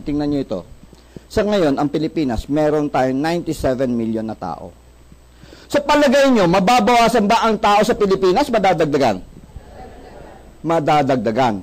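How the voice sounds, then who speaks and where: A Filipino man with a notably high voice and very lively, swooping intonation leads a seminar for a live audience. He quizzes the room, answers his own questions and drops in jokes. English phrases run through his talk. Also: creaky, poor audio. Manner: asks the audience questions and answers them himself, joking, mixes English in. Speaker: product presenter.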